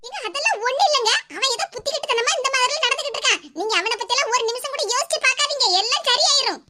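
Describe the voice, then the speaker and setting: In an exaggerated, very high voice that races along, pushed and bright, a voice actor plays a worried middle-aged cartoon wife and mother speaking Kanyakumari Tamil. Pleading and coaxing, she repeats her requests and frets aloud to herself in this comedy cartoon role.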